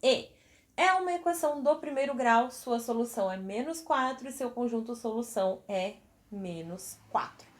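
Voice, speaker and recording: A woman's voice: on the high side, expressive, normal speed, echoey room. A woman teaching math at a whiteboard in a chatty, encouraging way, asking the viewer questions as she works. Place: classroom with a whiteboard.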